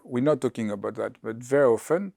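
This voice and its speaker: A man hosts an interview, asking questions in halting, hesitant English full of restarts. His voice sits in an ordinary middle pitch. The sound is close and dry, with no room echo. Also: vocal fry, darkish tone. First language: French. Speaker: host.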